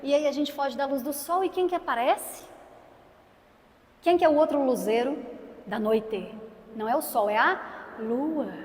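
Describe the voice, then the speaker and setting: A woman's voice: on the high side, darkish tone, a little hiss or hum. A young Brazilian woman teaching a parish consecration class, playful and questioning her audience. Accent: Brazilian Portuguese. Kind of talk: lively parish teaching talk. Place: church hall. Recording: echoey hall with long reverb.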